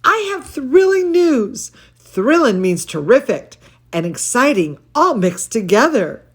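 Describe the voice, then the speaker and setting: A woman reads as an excitable little girl from a storybook, proud and theatrical. The delivery is unhurried and swoops up and down, with each fancy word carefully explained. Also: high-pitched, slightly rough, voice pushed up, full character voice. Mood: excited, proud. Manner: dramatic, precise, explains fancy words.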